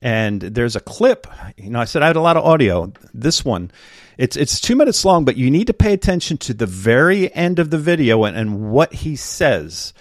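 A man's voice: mid-range voice, very animated, normal speed, no room sound, studio quality. A man hosting a political talk radio show, urging listeners to act locally in an urgent, rallying way.

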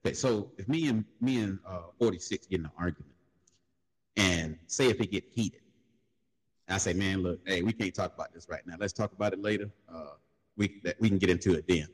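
A man tells stories in a laid-back way during a casual panel talk, speaking briskly. When he quotes people, he jumps into loud, high, mocking voices. A long hall reverb hangs on the recording.

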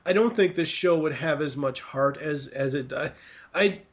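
Brief: male podcast co-host, slightly higher voice, halting and stammering delivery. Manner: hesitant, stammers and restarts, fillers. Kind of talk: casual chat reviewing a cartoon series.

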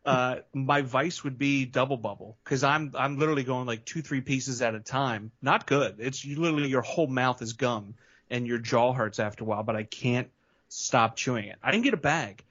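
A man's voice: medium pitch, moderate pace, fairly bright tone. A man chatting casually over a video call, telling rambling, self-mocking stories. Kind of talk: casual chat. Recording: slightly muffled sound.

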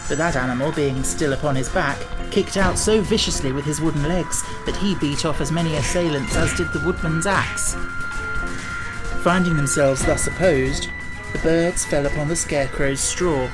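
A woman with a low voice reads a storybook aloud. Her narration is measured and even. Soft music plays faintly under her. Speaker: audiobook narrator.

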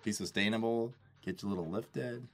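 A man co-hosting a casual chat, blunt and teasing, reacting quickly to the others. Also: fairly low pitch. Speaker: podcast co-host.

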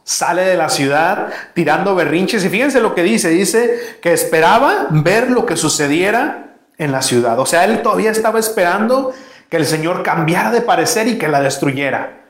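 A man's voice: fairly high pitch, animated, moderate pace, reverberant. A man preaching a sermon as a pastor, talking conversationally and asking his congregation questions.

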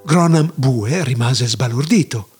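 A man reading a storybook tale aloud in a playful, animated way. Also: medium pitch, measured pace, slightly rough, soft background music.

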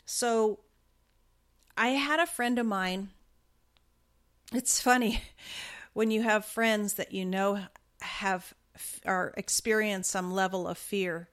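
A woman's voice: mid-range voice, fairly bright tone. A woman explaining riding basics in a chatty, step-by-step way, correcting herself now and then. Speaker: riding instructor. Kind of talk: casual instructional talk.

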